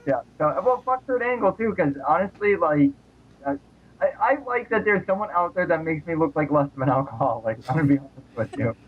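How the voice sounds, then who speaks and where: A sardonic man rants through crude jokes on a podcast, his voice a little high for a man and husky. The sound is squeezed thin as if over a phone line. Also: lively intonation, brisk. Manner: sardonic, ranting, crude humor. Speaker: podcast co-host. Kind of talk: casual chat. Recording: phone-like narrow band.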